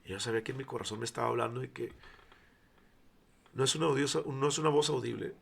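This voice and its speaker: A man's voice: medium pitch, steady tone, fast talker, creaky, fairly bright tone, breathy edge. A man in his forties with a Mexican accent, a guest sharing his faith testimony as a storyteller who acts out dialogue and sometimes drops to near whispers. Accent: Mexican Spanish. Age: 40s. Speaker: interview guest, church founder.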